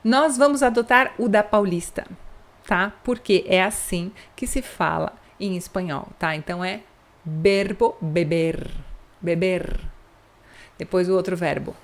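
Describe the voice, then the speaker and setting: A Brazilian woman with a São Paulo accent teaching Spanish pronunciation in a chatty online lesson, drawing sounds out in an exaggerated way and checking in often. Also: medium pitch. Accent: São Paulo Brazilian Portuguese. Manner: exaggerated, drawn-out demonstration of sounds; chatty, checks in with frequent asides.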